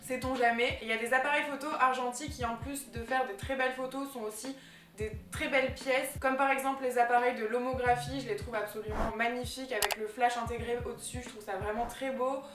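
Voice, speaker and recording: A woman's voice: a little high, steady tone, fairly quick. A young woman vlogger chatting enthusiastically about gift ideas, with plenty of fillers. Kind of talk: casual vlog chat. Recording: echoey room with faint music.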